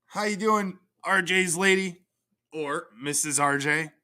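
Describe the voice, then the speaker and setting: A man's voice: high-pitched, slow, bright, forceful tone. A man hosting a livestream, crudely and profanely mocking in a casual rant. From Canada. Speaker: livestream host.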